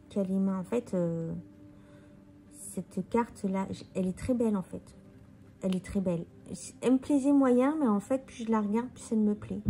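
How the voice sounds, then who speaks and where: There's a little hiss or hum behind a mellow, medium-pitched female voice. The speaker is a tired tarot reader casually showing her deck, thinking aloud as she turns each card over.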